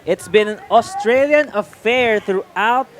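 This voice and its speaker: A man's voice: high voice, unhurried. A man calling the play-by-play of a live outdoor match, his voice rising as the plays unfold. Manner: calls the action, rising when plays happen. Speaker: play-by-play commentator. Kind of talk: live sports commentary. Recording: loud crowd and outdoor noise behind.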